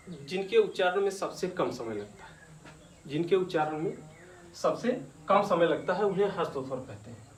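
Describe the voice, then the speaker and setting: A man teaching at a very slow, careful pace, stretching out sounds and repeating them for his students. His voice sits a little high. He is recorded from some distance in an echoey room. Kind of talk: slow classroom-style grammar lesson. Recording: echoey room, distant mic, faint noise.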